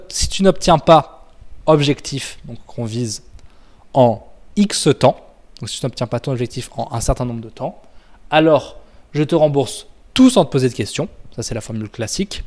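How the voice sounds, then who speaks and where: Guy teaching business stuff casually, lots of euh and restarts, mid-pitch voice. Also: lively intonation, moderate pace, darkish tone. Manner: conversational, full of fillers and self-corrections. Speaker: business trainer. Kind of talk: casual explanatory lesson.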